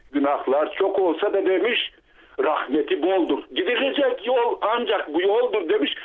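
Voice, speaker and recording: A man from Bulgaria calls a radio show over a landline phone and reads a religious poem in an earnest, measured way. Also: high-pitched. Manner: earnest, measured reading with drawn-out pauses. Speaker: radio caller. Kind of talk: reciting a religious poem on air. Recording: tinny phone line.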